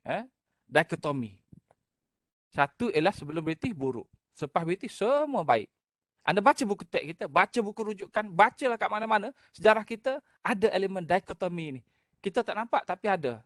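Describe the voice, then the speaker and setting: A speaker with a Malaysian Malay accent delivers a history lecture in an animated, rhetorical style, regularly checking in with the audience through quick questions. The voice sits at an average pitch and is recorded close, with a dry sound and little room echo. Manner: animated, rhetorical, often prompting listeners with "eh?" and "ha?".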